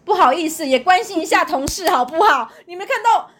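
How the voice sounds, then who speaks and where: A young woman tells a story in a casual chat. Her voice sits high and swings widely in pitch. She laughs often and acts out what people said. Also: fairly quick, a little hiss or hum. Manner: animated, laughs often, acts out quoted dialogue. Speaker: podcast co-host telling her own story.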